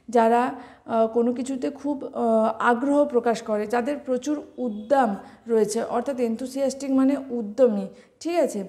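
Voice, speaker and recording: A woman with a Bengali accent teaching vocabulary for exam prep, explaining meanings and spelling words out slowly letter by letter. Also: a little high, mellow.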